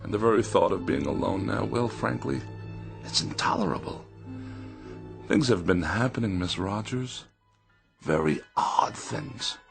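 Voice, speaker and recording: A man's voice: on the low side, animated, a little slow, creaky, soft background music, heavily acted. A man acting in a radio drama as a haughty, fussy gourmet writer, wordy and emphatic, lonely and fearful underneath. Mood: anxious, weary.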